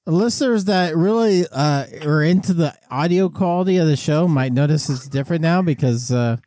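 A man's voice: fairly high pitch, normal speed, warm tone, no echo, clean studio sound. A man hosting a casual podcast chat, calling in over a payphone line from an airport. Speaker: podcast host.

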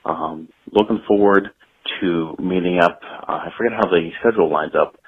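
A man's voice: sits low, moderate pace, slight background noise. A man leaving a casual, chatty voicemail over a phone line, losing his thread as he talks. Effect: voicemail played over a phone line. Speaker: voicemail caller.

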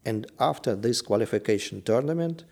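A man with a Russian accent answering interview questions in halting English, pausing often to search for words. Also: mid-range voice, animated, vocal fry, darkish tone. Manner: hesitant, searching for words in simple phrasing. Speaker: sports federation official being interviewed.

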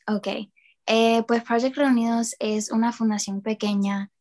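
Young woman talking flat, with many fillers. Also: a little high, measured pace. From New Orleans, USA. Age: young adult. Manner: hesitant, many fillers and restarts. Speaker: guest, student and project founder. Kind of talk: casual interview.

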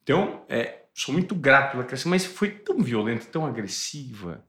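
A man hosting a podcast, telling a personal story with animated emphasis. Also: mid-range voice, fairly quick. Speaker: podcast host. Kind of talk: podcast conversation. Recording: roomy echo.

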